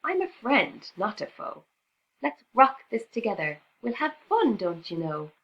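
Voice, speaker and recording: A woman voicing a tiny, timid male mouse in a storybook reading, earnest and squeaky. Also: big pitch swings, measured pace, dull audio. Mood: friendly. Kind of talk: storybook read-aloud.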